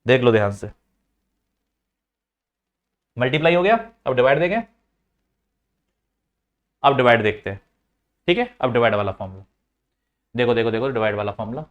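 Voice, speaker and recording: A man's voice: mid-range voice, expressive, moderate pace, pauses often, highs cut off. A male teacher working through a maths lesson step by step, coaxing and repeating the key points straight to his students.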